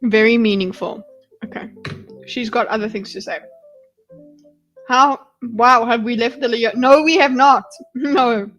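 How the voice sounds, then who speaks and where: Woman, slightly high voice, casual reaction commentary, exasperated, blunt, swearing, faint music behind. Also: measured pace, pauses often, a bit bright. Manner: exasperated, pleading asides. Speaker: livestream host reacting to a debate.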